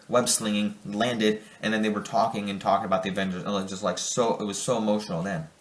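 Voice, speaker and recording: A man's voice: on the low side, reverberant. A young man giving a casual spoiler review of a film, rambling and enthusiastic, often restarting his sentences. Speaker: movie reviewer.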